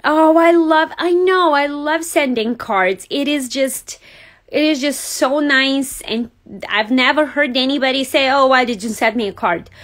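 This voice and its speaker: Chatty high-voiced woman crafting. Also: unhurried, fairly bright tone, rough recording. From Serbia. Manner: chatty, thinks aloud, laughs easily. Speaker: card-making host. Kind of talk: casual craft demo livestream. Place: craft desk indoors. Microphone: overhead camera on desk.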